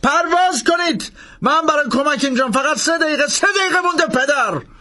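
A man's voice: very high-pitched, expressive, voice pushed up, exaggerated voice. Man doing a frantic professor, raised voice, pleading. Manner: shouting, pleading, breathless urgency. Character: urgent American professor, adult man, desperate.

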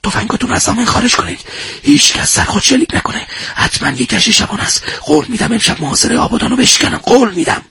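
A man voicing a young male commander at war who speaks quietly and steadily, and turns urgent when danger comes close. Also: extremely high pitch, sing-song, creaky, slight background noise, pitched above the performer's own voice, exaggerated voice. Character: young male wartime commander, calm and resolute.

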